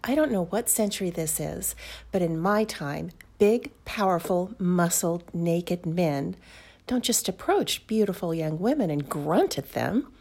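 A woman's voice: lowish voice, animated, a little slow, gravelly, a little mellow, husky, exaggerated voice. A young woman acting a proper, easily flustered young time traveler in an audio roleplay, speaking breathily and often dropping to a whisper. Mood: indignant. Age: young adult.

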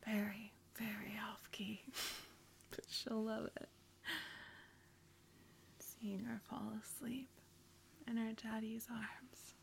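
A young woman in an intimate, whispered roleplay, speaking softly with gentle hums between lines. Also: on the high side, flat delivery, slow, vocal fry, pauses often, a little hiss or hum. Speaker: roleplaying a pregnant wife.

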